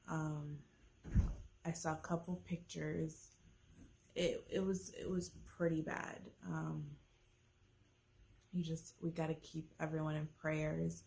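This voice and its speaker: A woman's voice: sits low, vocal fry, a little mellow, slight background noise. A woman hosting a family vlog, talking hesitantly with many fillers, then turning bubbly. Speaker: vlog host. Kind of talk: casual vlog talk.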